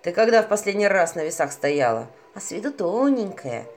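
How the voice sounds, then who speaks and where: A woman's voice: medium pitch, sing-song, brisk, darkish tone, faint music behind. A woman voicing a pompous ancient male vampire in bat form, bossy and huffing with strain. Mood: grumbling.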